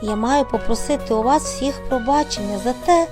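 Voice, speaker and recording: A woman's voice: a little high, normal speed, music in the background, close to an everyday voice. A woman voicing a repentant mermaid in an audio fairy tale, speaking in an earnest, apologetic way.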